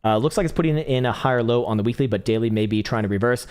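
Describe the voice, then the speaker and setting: Mid-range with a darkish, clean tone, the voice belongs to a young man streaming live crypto chart analysis. Casual and swearing freely, he talks quickly, laughs often, stumbles into restarted words, and his voice is starting to give out.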